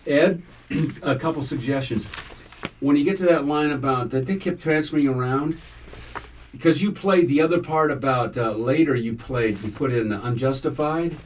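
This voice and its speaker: A man's voice: medium pitch, moderate pace. A man running an acting class, giving encouraging notes and acting out line readings for his students. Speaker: acting coach. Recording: distant mic, faint room hiss.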